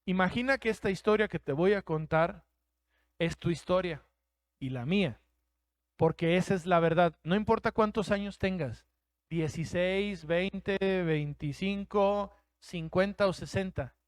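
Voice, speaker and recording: Speaking a little slowly, a male pastor with a Mexican Spanish accent preaches emphatically, imitating the voices of the people he quotes. His high voice is smooth and resonant, captured close and dry with no room sound.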